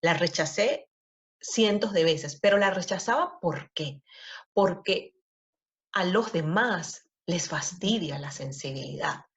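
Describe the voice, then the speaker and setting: A woman podcast host with a Latin American Spanish accent, talking in an expressive, emphatic way. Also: fairly low pitch, slow pace. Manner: expressive, emphatic, lingers on words. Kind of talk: conversational interview. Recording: slightly dull lo-fi audio.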